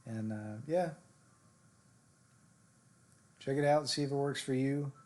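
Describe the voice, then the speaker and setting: A male streamer talks through his shots, in a relaxed voice full of fillers and restarts. He answers viewers in chat directly, like he is chatting with friends. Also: medium pitch, slow. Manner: relaxed, self-coaching talk with fillers. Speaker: game streamer. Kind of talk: casual live-stream gameplay commentary.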